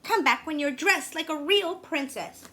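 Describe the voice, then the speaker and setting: A woman voicing a vain, snooty young prince in a storybook, talking in a shrill, sneering way. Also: measured pace, a bit bright. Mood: scornful.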